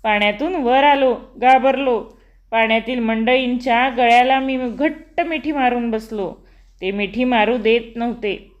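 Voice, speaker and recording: Brief: woman audiobook narrator, high-pitched, expressive first-person storytelling. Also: a little slow, dull audio.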